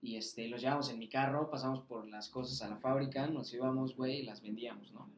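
A young man with a Mexican Spanish accent tells a long podcast anecdote, loose and slangy, swearing freely. His pitch sits mid-range for a man. The room adds a clear echo around him. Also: quick pace, slight background noise. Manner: slangy, swearing, animated anecdote with acted quotes. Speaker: podcast guest. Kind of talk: casual storytelling. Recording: roomy echo.

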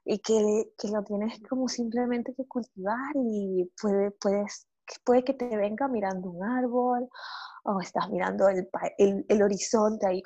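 A woman in casual conversation, telling an animated personal story with sudden cries and laughs. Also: mid-range voice, a little slow, muffled recording.

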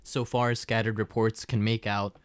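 A smooth, fairly deep American man tells stories as a podcast host. He is wordy and drifts into casual asides, with a dry, close sound. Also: flat delivery, normal speed, no echo.

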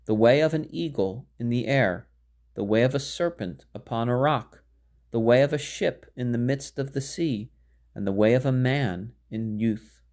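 A man reading scripture aloud in a measured, solemn way, phrasing archaic verse with care. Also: medium pitch, a little mellow. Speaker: Bible reader.

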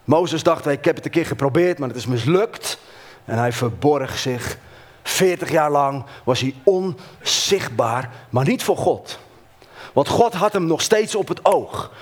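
A preacher with a somewhat high voice retells a Bible story. His storytelling is animated, and he slows down with dramatic pauses. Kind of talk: sermon.

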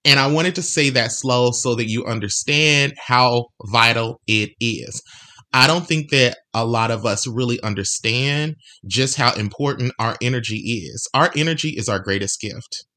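A man with a bright, forward voice talks earnestly through a solo motivational podcast. He encourages the listener, repeats phrases to drive them home and stretches out the words he wants to land. His pitch sits in an ordinary middle register. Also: normal speed. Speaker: podcast host.

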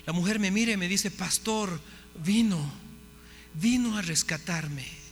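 A man, a pastor, telling a story in a sermon with lively acted-out dialogue. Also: high voice, measured pace. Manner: animated storytelling, acting out dialogue. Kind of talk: sermon testimony. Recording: hall reverb, faint hum.

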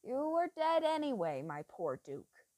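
A woman voicing a treacherous old male doctor who talks in low, slow, intense murmurs that flare into sudden loud bursts. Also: very animated, no echo. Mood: menacing, obsessive.

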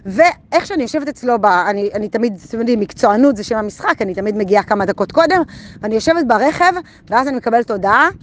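Woman vlogging, high voice, dry close sound, acts out her inner voice as she tells the story. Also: dry recording. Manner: animated storytelling, acts out her own thoughts. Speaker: vlogger sharing a daily insight. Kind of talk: casual motivational monologue.

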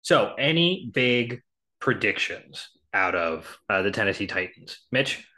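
A man's voice: on the low side, big pitch swings, measured pace, bright, forceful tone. Man, podcast co-host, casual sports talk, lots of stats, ums and restarts. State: has the hiccups.

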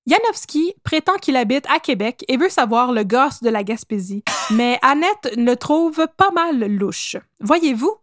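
A woman with a Québécois accent hosting a podcast, telling a history story in a casual, animated, joking way. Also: sits high, measured pace, few pauses, no echo, studio quality. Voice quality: animated, jokey, laughs often.

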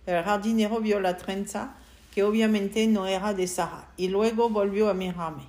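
A woman reading a novel aloud in first person, in a soft and subdued voice. Her pitch sits in the middle of the range, and she reads steadily, without theatrics. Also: fairly even intonation, moderate pace. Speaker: audiobook narrator. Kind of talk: first-person audiobook narration.

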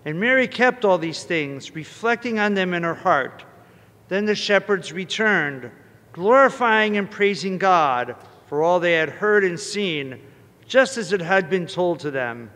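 Man, priest, formal proclaiming reading, high voice, cathedral echo. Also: lively intonation, a little slow, bright, forceful tone. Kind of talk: liturgical gospel reading. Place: large church. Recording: long cathedral reverb.

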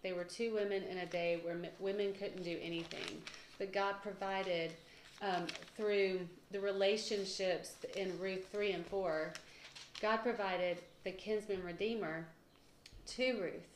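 A woman, co-hosting a casual Bible discussion, chatty and quick to laugh at herself. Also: mid-range voice, fairly even intonation. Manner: chatty, laughs often, self-deprecating. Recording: echoey room with faint noise.

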